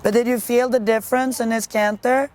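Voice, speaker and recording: A woman coaching a riding lesson live, giving brisk, projected commands in short, repeated phrases. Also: a little high, steady tone, darkish tone, a little hiss or hum.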